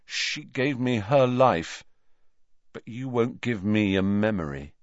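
A man voicing a quiet, steady teenage boy who presses his point in a level voice, in a storybook reading. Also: fairly low pitch, takes it slowly, no echo, dull audio, voice pushed up. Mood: firm.

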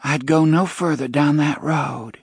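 A man's voice: a little high, fairly even intonation, unhurried, gravelly, breathy edge, dry recording, clean studio sound, voice pushed up, exaggerated voice. A man voicing a tearful yet defiant young woman who speaks in old-fashioned phrasing. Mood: pleading.

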